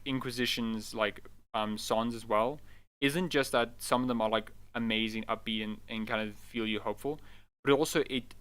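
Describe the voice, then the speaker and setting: A man hosting a casual live stream about games, excitable, swearing often and calling everyone dude. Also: medium pitch, dry recording. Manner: excitable, swears a lot, keeps saying "dude". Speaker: livestream host.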